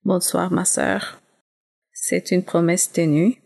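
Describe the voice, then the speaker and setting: A woman from Guyana asks a church leader for advice. She speaks slowly and politely, with a low, flat and slightly gravelly voice. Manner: polite, hesitant. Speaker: church member asking a question.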